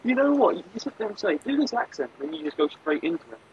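Animated, bouncy-voiced gamer guy. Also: high-pitched, fast, husky, muffled recording. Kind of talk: casual gameplay chat.

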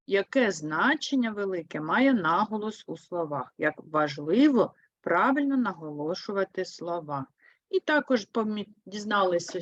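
Lively Ukrainian woman teaching young kids. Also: medium pitch, dry recording, lo-fi sound. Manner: slow, clear, explains with lively emphasis. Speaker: primary school teacher. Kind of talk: online lesson for third graders.

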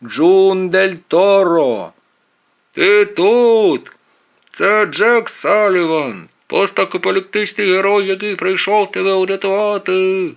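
A man voicing a boastful, excitable teenage boy hero in an audiobook. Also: mid-range voice, normal speed. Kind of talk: audiobook character voice.

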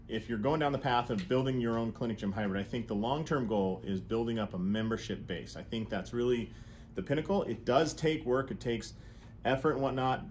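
Working through sums on a whiteboard and thinking aloud, a man in his thirties who coaches chiropractic businesses gives a casual lesson in a small room. His voice is lowish and darkish, captured on a lapel mic with slight background noise.

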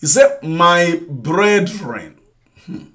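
A man's voice: a little high, very animated, extremely slow, a bit bright. A male preacher teaching a sermon, repeating phrases emphatically with frequent laughs and praise.

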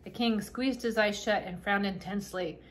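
Woman, storybook reader, unhurried and gently expressive, mid-pitched. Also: slight background noise. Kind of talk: reading a children's novel aloud.

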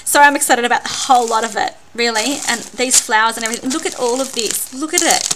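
A woman's voice: a little high, fast. Gushing Australian woman, noisy recording. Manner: gushing, excitable, repeats words. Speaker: craft vlogger. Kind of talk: gift unboxing vlog.

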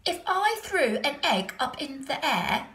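A woman voicing a clever young boy who taunts in a high, drawn-out voice. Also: big pitch swings, pushed and bright, reverberant, exaggerated voice. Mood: teasing.

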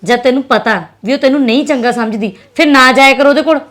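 A young woman with a Punjabi accent acting a sharp, scolding sister in a drama. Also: sits high. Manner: scolding and fast-talking. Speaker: actress playing a sister.

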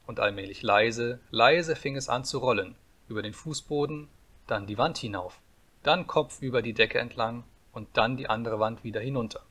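A man reading a fairy tale aloud as an audiobook narrator, calm and measured. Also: mid-range voice.

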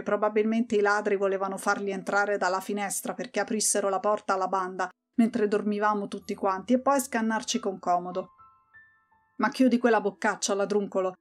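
A woman voicing a rough male servant who speaks in a gruff, accusing way, in a storybook reading. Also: mid-range voice, close to an everyday voice.

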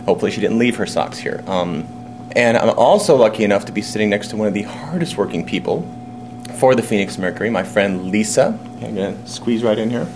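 A man's voice: lowish voice, fast. A man in his thirties hosting a casual interview, eager and rambling with many restarts, recorded on a handheld camera at arm's length in a small locker room. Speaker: interviewer, video host. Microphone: camera phone at arm's length. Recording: noisy room with steady hum.

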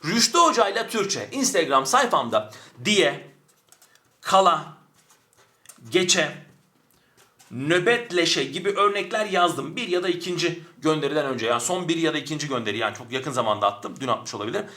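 Male grammar teacher, high and bright, animated, drills students with question-and-answer, a little off-mic. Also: normal speed. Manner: animated, stretches words for emphasis, asks and answers his own questions. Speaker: Turkish language teacher. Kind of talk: online grammar lesson. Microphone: camera mic, speaks from a distance to avoid distortion.

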